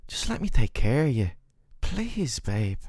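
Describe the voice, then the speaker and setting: In this scripted boyfriend roleplay ASMR, a man plays a worried, tender boyfriend doting on his sick partner, sounding gentle, caring, soothing, earnest and affectionate. His mid-range, darkish voice moves a little slowly with big pitch swings. The recording is dry, with clean studio sound.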